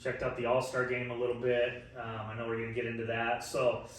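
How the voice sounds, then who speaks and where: A man's voice: mid-range voice, monotone, brisk. A man of forty telling a long story in a casual chat, laughing often and swearing freely. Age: 40s. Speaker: podcast co-host. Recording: echoey room, mic at a distance.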